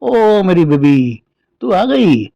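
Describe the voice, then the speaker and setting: A man's voice: fairly high pitch, lively intonation, a little slow, dark tone, dry recording, muffled recording. A man voicing a pampered middle-aged woman who dotes on her cats and whines about her illnesses, speaking in a coaxing, doting way. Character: pampered middle-aged woman, whiny hypochondriac cat lover.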